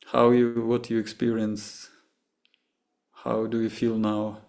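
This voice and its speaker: With a Russian accent, this male meditation teacher from Russia takes post-session questions, speaking haltingly and restarting often in search of words. His voice is fairly low and monotone, gravelly and somewhat dark.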